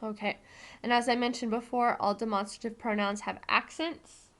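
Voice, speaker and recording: A woman's voice: on the high side, fairly even intonation, normal speed. An American woman Spanish teacher giving a recorded classroom lesson, explaining patiently step by step with frequent ums.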